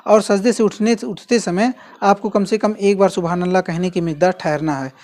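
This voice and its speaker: A man giving a patient, step-by-step spoken lesson, repeating key phrases slowly and carefully. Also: high voice, steady tone, a little mellow. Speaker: religious instructor. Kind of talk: instructional demonstration.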